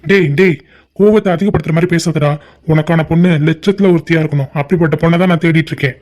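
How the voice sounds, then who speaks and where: A man's voice: a little high, quick pace, a little mellow, lightly acted. A man voicing a stern, angry middle-aged father in a cartoon family drama, scolding and giving orders. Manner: scolding, commanding.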